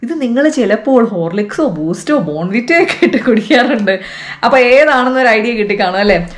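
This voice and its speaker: A woman's voice: fairly high pitch, animated, a little fast. A woman with a Malayali accent hosting a casual lesson for children, chatty and coaxing, asking the viewer questions. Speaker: vlog host teaching French to kids.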